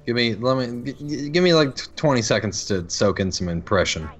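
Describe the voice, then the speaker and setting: A man co-hosting a casual gaming chat, speaking in a halting monotone with frequent restarts. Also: medium pitch. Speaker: co-host.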